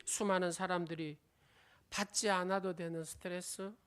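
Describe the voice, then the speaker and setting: Woman preaching with soft trailing endings. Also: fairly low pitch, fairly even intonation, moderate pace, clear, resonant tone. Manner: asks the congregation questions and quizzes them; sentence endings often trail off softly, at times to a whisper. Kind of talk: sermon with an illustrative story. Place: church sanctuary.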